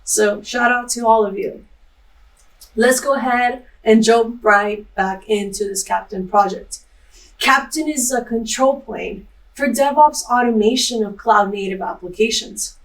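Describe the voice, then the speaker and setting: A woman's voice: a little high, a little slow, recorded from a distance. A young adult woman from Costa Rica giving a recorded tech conference talk in an upbeat, explanatory way. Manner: explanatory, upbeat, steady presenting. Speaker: conference speaker, chaos engineer. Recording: roomy, mic set back from the speaker.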